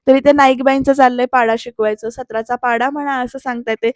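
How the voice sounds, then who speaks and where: A woman's voice: sits high, steady tone, fast, no room sound, studio quality. A woman giving a voice-over recap of a TV serial, talking straight to her viewers. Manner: storytelling recap, addresses viewers directly. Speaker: serial reviewer.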